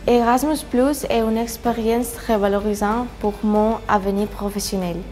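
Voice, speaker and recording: A woman's voice: a little high, steady tone, normal speed, darkish tone, soft background music. A young woman from Spain, an apprentice cook giving a short, carefully phrased testimonial. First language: Spanish. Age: young adult.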